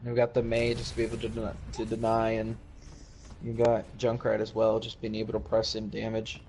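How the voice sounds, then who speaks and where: A man casting an esports match play-by-play, relaxed and a little tired. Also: fairly low pitch, a little fast, a little hiss or hum. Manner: relaxed, tired, yawning between calls. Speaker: esports caster. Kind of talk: play-by-play commentary. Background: music.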